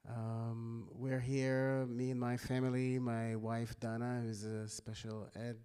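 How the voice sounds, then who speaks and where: A man from Israel introducing himself as a panelist, measured and calm. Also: mid-range voice, smooth. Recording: long hall reverb.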